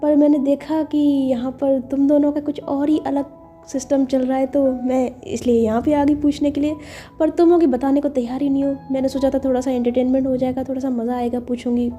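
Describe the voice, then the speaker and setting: A woman's voice: high voice, little pitch movement, a little fast, warm tone, muffled recording, faint music behind, close to an everyday voice. A woman voicing a shameless, teasing female boss who jokes with her friends in a storybook romance. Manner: playful, mocking banter.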